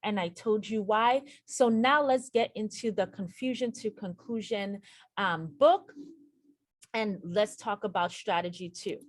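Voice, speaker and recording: In an unhurried, medium-pitched voice, a woman teaches a nursing exam lesson by screen share, recorded dry. She talks directly to viewers, going back over the key points for emphasis.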